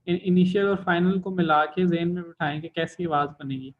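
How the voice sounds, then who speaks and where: A man teaching a lesson, walking through each exercise patiently and pausing on fillers. His voice sits a little high. The recording sounds dull and lo-fi. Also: fairly even intonation. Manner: patient, stepwise explaining with many fillers. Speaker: language teacher.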